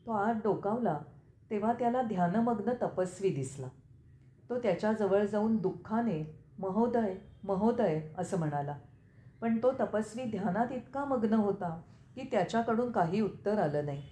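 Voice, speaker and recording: A woman narrating a scripture story in a steady, measured reading voice. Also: mid-range voice, a little hiss or hum. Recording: echoey room with faint ambience.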